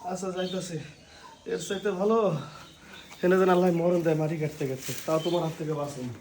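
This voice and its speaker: A man's voice: high voice, quick pace, darkish tone, a little hiss or hum, lightly acted. An actor playing a worn-out, feverish poor laborer husband who pleads with his wife. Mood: pleading. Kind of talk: short film acting.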